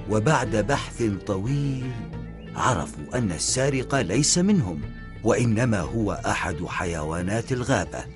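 Low-voiced man narrating a children's story. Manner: measured, expressive storytelling.

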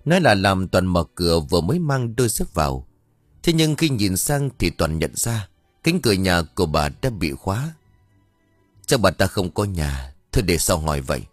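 Low-voiced expressive male storyteller. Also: normal speed, dry recording, faint music behind. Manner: expressive, dramatic reading. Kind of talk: scripted narration of a ghost story.

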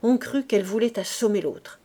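A woman with a French accent reading a classic novel aloud as narration, raising her voice for the characters' shouts. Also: expressive, moderate pace, breathy edge. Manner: acts out the characters' shouts with raised pitch and volume. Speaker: audiobook reader.

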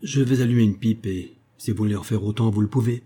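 Husky-voiced, mocking, boastful male detective, read by a man for an audiobook. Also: on the low side, fast talker, warm tone, lightly acted. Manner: mocking, self-assured. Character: sarcastic, boastful middle-aged male police detective.

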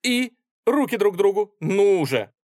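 A soft-stepping officer playing peacemaker, as a male reader puts him on, quick and coaxing. His pitch rides well above the narrator's own, lively in its swings. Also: vocal fry, clean tone, no room sound, studio quality, full character voice. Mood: placating. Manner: quick, placating. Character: soothing older officer, man, peacemaking.

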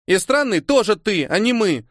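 Brief: nosy, pushy little girl, high and insistent, voiced by a man; dry read. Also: big pitch swings, no echo. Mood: inquisitive. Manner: rapid-fire questions, high and insistent. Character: nosy pushy girl about eight, endlessly questioning. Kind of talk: audiobook character voice.

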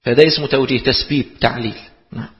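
A man's voice: medium pitch, steady tone, very fast. A man with an Egyptian accent teaching a class, explaining points and posing rhetorical questions that he then answers himself. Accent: Egyptian Arabic. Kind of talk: lecture explaining a text. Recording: lo-fi recording in a reverberant hall.

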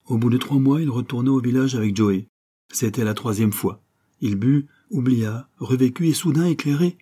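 A man with a low, husky voice narrating a literary novel. His reading is measured and expressive. His tone is dark and mellow. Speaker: audiobook narrator.

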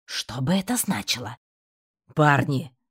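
A woman narrating an audiobook in a steady, even storytelling manner. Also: a bass voice, moderate pace, husky. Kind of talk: scripted narration.

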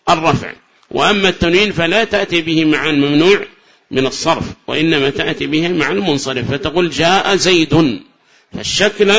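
Man teaching grammar on a dull recording. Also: on the high side. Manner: reads the text raised and loud, then explains slowly with drawn-out examples; asks the class questions and answers them himself. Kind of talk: explaining a classic grammar text to students.

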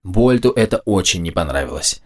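A man reads a fantasy audiobook in the first person, his voice sitting low. He tells the story in a steady, measured way. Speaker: audiobook narrator.

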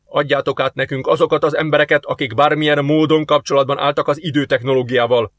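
A man's voice: fairly high pitch, fairly even intonation, fairly bright tone, no room sound, lightly acted. A man voicing a stern, hostile male alien warlord in an audiobook, talking in curt commands. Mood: coldly threatening.

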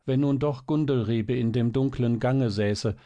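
A man's voice: mid-range voice, moderate pace, warm tone, no room sound, dull audio, pitched above the performer's own voice, lightly acted. A man doing a frail, pleading little girl. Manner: eager, pleading. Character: frail sick little girl, earnest and shy.

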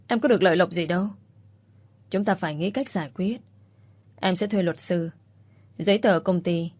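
A woman reading the lines of a spiteful young woman who scolds harshly, with a slightly low voice. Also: a little mellow, natural voice. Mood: pleading. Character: spiteful scheming young woman, shrill bully.

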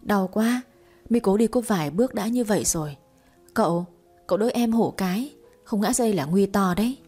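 A woman voicing a feisty, sharp-tongued young wife with a sassy, teasing manner in a storybook reading. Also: medium pitch, husky, soft background music, lightly acted. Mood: whiny. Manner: sassy, teasing, quick retorts.

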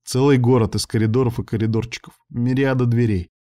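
A man reading a first-person audiobook with steady, even storytelling. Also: mid-range voice, fairly quick. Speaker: audiobook narrator.

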